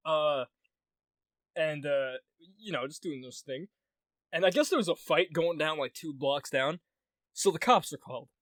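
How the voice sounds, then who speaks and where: A young man co-hosting a podcast, telling a story casually, animated, swearing often and restarting his sentences. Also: on the high side, dry recording. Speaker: podcast co-host.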